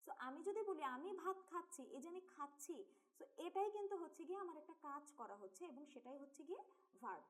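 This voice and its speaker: Speaking in a Bangladeshi Bengali accent, a young woman with a high, light voice gives an online English grammar lesson. She talks directly to her students, explaining each point step by step in an expressive, fairly quick manner and slipping English grammar terms into her Bengali.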